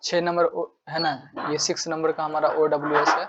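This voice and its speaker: A man's voice: fairly high pitch, little pitch movement, fairly quick, dull audio, very noisy. A man teaching an exam-prep vocabulary lesson, repeating phrases over and over and acting out angry demands as examples. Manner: repetitive, drills phrases over and over; acts out angry demands while explaining.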